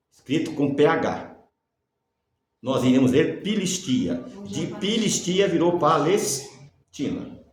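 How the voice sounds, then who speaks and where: A man's voice: a little high, a little mellow. A man teaching a Bible lesson, who asks rhetorical questions and answers them himself, and dictates letters for viewers to write down. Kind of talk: religious teaching lecture. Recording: very echoey room.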